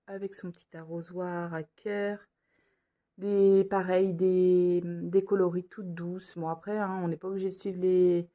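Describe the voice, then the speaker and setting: Slow, mellow-voiced woman vlogger. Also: on the low side. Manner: hesitant, many fillers and restarts. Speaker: cross-stitch vlogger. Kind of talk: casual show-and-tell vlog. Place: indoors at home under a lamp.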